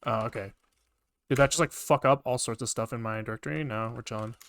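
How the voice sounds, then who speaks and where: A man livestreams his programming, thinking aloud casually, muttering to himself, repeating phrases and sometimes swearing, while keyboard typing and clicking fill the background. His medium-pitched voice is fast with a fairly bright tone, and there is no room sound.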